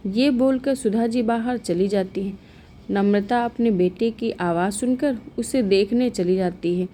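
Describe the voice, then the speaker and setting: A woman narrating a scripted moral story in a calm, even storytelling manner. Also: mid-range voice, measured pace, slight background noise.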